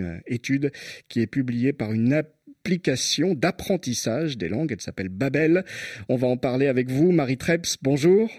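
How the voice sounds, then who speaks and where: A man's voice: medium pitch, darkish tone, no room sound, studio quality. A man hosting a radio interview, asking questions conversationally and searching for words. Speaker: radio host.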